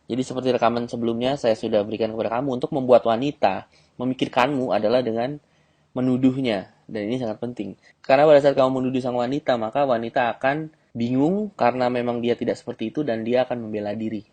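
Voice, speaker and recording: A man teaching as a dating coach in an instructional audio lesson, talking directly to the listener and often checking in with a quick "okay". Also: medium pitch, fairly even intonation, darkish tone.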